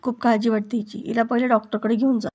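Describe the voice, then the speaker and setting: A woman's voice: a little high, little pitch movement, fast, a little mellow, slightly rough. A woman reading the lines of a boastful young rival woman, mocking and taunting.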